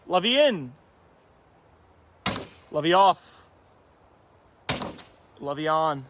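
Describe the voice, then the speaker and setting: A man hosting a joking tabletop game show, giving teasing, excitable commentary. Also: fairly high pitch, drawn-out words, background noise. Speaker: host.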